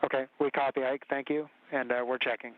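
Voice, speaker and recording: A man's voice: medium pitch, a little fast. A man in mission control giving clipped, procedural calls to a crew over a narrow radio channel that sounds like a space communicator. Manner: clipped, even and matter-of-fact. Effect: narrow radio link like a space communicator.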